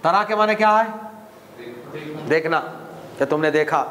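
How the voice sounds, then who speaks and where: A man with an Indian accent teaching a Quran commentary class, slowly explaining Arabic words and repeating them. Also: fairly high pitch, fairly bright tone, big-room sound, slight background noise. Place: mosque hall.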